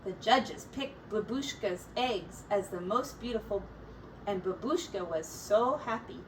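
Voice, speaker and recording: Reading to a group of small kids, a female teacher voices a picture book with deliberate, expressive storytelling. Her voice is mid-range, and the recording picks her up from afar over a faint hum of background noise.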